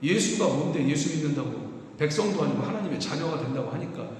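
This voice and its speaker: A man preaching a Sunday sermon as pastor, talking in a conversational way and slowing down to read scripture. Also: on the high side, expressive, a little mellow. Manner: conversational preaching, rising emphasis, slows for scripture. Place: church sanctuary. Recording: echoey hall, faint noise.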